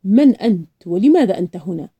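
A woman reading as a hoarse, barking police chief. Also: medium pitch, animated, fairly quick, dark tone, lightly acted. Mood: stern. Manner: barking orders. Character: gruff commanding male police chief. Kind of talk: audiobook reading.

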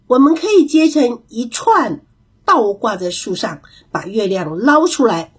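A woman voicing an excitable little male monkey in a children's story, crying out in a high, panicky voice. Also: measured pace, husky, heavily acted. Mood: eager. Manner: shrill, panicky cries.

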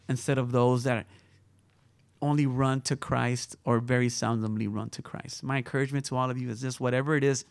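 A man's voice: mid-range voice, vocal fry, no room sound. A man preaching a conversational sermon, reading scripture, asking his listeners rhetorical questions and closing in prayer. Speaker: pastor.

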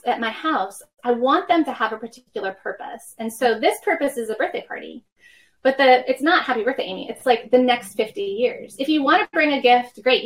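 A woman's voice: on the high side, a bit bright, rough recording. A woman in her fifties, a worship professor speaking as a podcast guest, explaining ideas reflectively through personal anecdotes. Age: 50s. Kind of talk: conversational podcast interview.

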